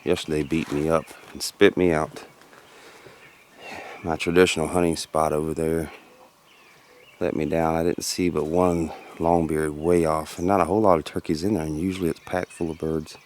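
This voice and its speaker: A man's voice: little pitch movement, moderate pace, a little mellow. A man filming his own hunt outdoors, talking plainly and casually to the camera, a little out of breath. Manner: plainspoken, low-key field talk, at times whispering. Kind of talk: casual outdoor vlog narration. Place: outdoors in hilly prairie woods. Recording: outdoor field recording with background noise.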